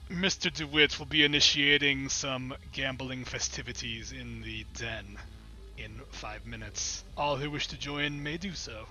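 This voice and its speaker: A man's voice: mid-range voice, soft background music, rough recording. A man doing a polite robotic house AI. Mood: dutiful. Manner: measured, slow and calm.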